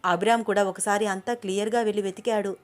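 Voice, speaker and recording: A female storyteller reading a romance aloud with expressive, scripted narration. Her voice sits at a middle pitch and carries the plot along steadily. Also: fast talker.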